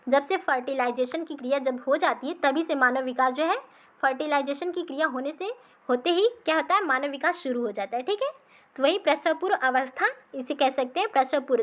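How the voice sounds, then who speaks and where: This is an exam-practice lesson taught by a woman whose voice is high and light. She repeats each point as she explains it slowly, checks in nearly every line, and comes across a bit bright.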